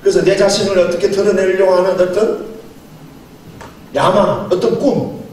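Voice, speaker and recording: A middle-aged man, a pastor giving a seminar sermon, speaks in a high, slightly mellow voice, keeping a steady tone and moderate pace. Acted-out dialogue and plenty of chuckles color his storytelling style. Heavy hall echo, a distant mic and faint noise mark the recording.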